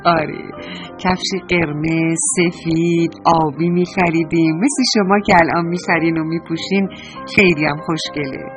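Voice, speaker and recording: A middle-aged woman telling a children's story, slow and expressive, speaking affectionately to the kids. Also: low-pitched, faint music behind.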